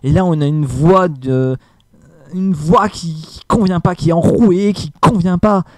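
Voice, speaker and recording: A man's voice: fairly high pitch, unhurried, darkish tone, no room sound. A man giving a casual film review, hesitant with many fillers and emphatic asides.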